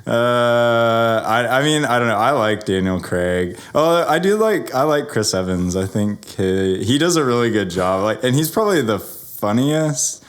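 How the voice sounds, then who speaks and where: A man's voice: mid-range voice, animated, unhurried, few pauses, clean tone. Man, film podcast co-host, casual chat, keeps laughing while talking. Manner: giggly, laughs through his answers.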